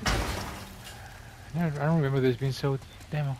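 A man's voice: mid-range voice, steady tone, a little slow, noisy background. A man hosting a gaming channel, chatting upbeat and rambling over his gameplay. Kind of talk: casual gameplay commentary.

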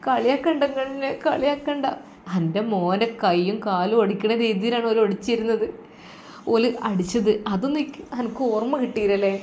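A woman voicing a sharp-tongued older stepmother in pain, whining and complaining in a Malappuram Malayalam accent. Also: high voice, steady tone, fairly quick, slight background noise, pitched above the performer's own voice, lightly acted.

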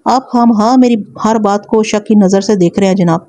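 A woman's voice: mid-range voice, mellow, lightly acted. A woman reading as a pleading, frightened village man. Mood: protesting. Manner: pleading, protesting.

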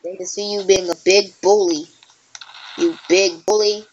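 A woman's voice: mid-range voice, fairly even intonation, a little slow, muffled recording, slight background noise. Playful trash-talking woman gaming. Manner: playful teasing trash talk. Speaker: gameplay channel host. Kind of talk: casual gameplay commentary.

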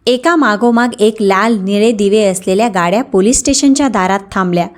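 A woman's voice: mid-range voice, a little fast. A woman narrating a dramatic story and speaking every character's lines herself.

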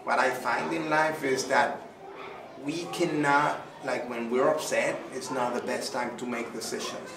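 A man's voice: medium pitch, fairly even intonation, a little slow. A middle-aged man from Venezuela, chatting effusively with lots of fillers as a guest answering interview questions. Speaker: artist interviewed by a child. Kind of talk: casual interview. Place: small indoor room. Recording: echoey room, distant mic, noisy.

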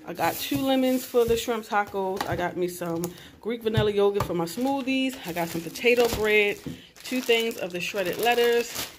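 A vlogger mom in her thirties films a casual grocery haul on a handheld phone camera, first in a store and then at home. Speaking at normal speed in a mid-range voice, she chats and lists each item as she shows it. Loud crinkling of bags and packaging plus other background noise fill the recording.

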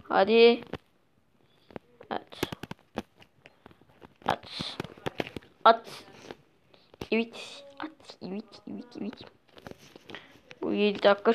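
This mobile gameplay vlogger is a young woman whose medium-pitched voice carries vocal fry. She chats casually with her audience as she plays, getting exasperated easily, on a dull, lo-fi recording with a faint noise floor.

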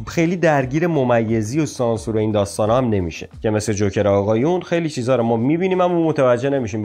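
A man's voice: medium pitch, a little mellow. A man giving a casual, opinionated spoken review as the channel's host. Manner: opinionated, chatty critique. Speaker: show reviewer.

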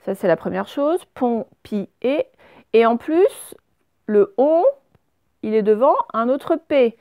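A woman teacher talks slowly and patiently, spelling each word out letter by letter for young children. Her voice sits at a middle pitch and is recorded close and dry, with no room sound around it. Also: lively intonation, no room sound, muffled recording. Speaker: primary school teacher. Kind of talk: recorded remote spelling lesson.

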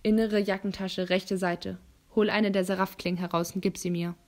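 A woman reading an audiobook, voicing a cocky, wounded teenage boy who speaks gruffly and curtly in a voice lower than her narration. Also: fairly even intonation, moderate pace, a little mellow, lightly acted.

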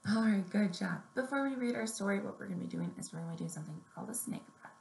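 With a medium-pitched, gravelly, darkish voice, a thirtysomething woman rattles along very fast as she runs a children's story time and offers young kids easy, cheerful instructions. Recorded on a webcam or laptop at arm's length, the sound is echoey with noticeable background noise.

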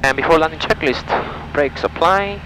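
A man in his twenties, flying solo in a small propeller plane, calls out checklists, comments, and makes radio calls while in flight and taxiing. His voice is fairly high and moderately paced. The low-quality audio comes through an aviation headset boom mic, with the light aircraft engine humming steadily behind.

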